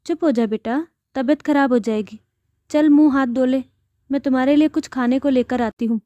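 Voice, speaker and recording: A woman voicing a caring, worried middle-aged mother, soothing and gently coaxing. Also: high voice, fairly even intonation, moderate pace, no echo, natural voice.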